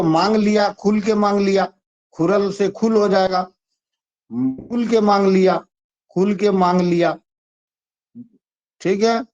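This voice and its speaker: A man with a high, slightly mellow voice runs an exam-prep class, chatting away and repeating himself as he walks students through mnemonics. The recording sounds dull and lo-fi.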